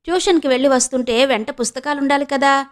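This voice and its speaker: A woman voicing a cautious young man who speaks in a hushed, wary way. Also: sits high, quick pace, close to an everyday voice.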